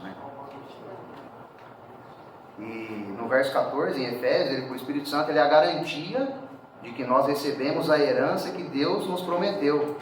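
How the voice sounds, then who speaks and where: A man delivers a sermon in a casual, conversational way, often tagging his sentences with quick questions. He stands some way from the mic in a church hall full of heavy reverb. A faint background hiss sits under his voice. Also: medium pitch. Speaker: preacher. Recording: very echoey hall, speaker far from mic.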